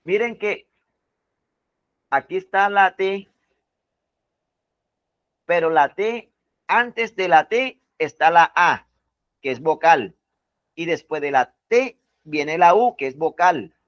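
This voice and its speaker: Expressive and on the high side, with a fairly bright tone and no echo, a Colombian man leads an English class. He works slowly and repetitively, emphasizing words individually and asking the students to confirm them.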